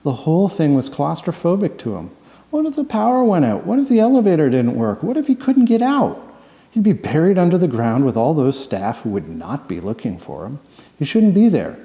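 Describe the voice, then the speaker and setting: An author reads his own novel in the style of an audiobook, his mid-range voice mellow and soft-edged with plenty of gravelly creak. He tells the story dramatically and expressively, and long reverb makes it sound like he's in a hall.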